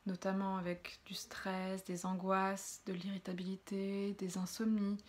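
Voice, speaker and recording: Female relaxation coach, mid-pitched, gentle explanatory delivery for a guided breathing exercise. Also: flat delivery, measured pace. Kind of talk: guided breathing exercise, spoken directly to viewers.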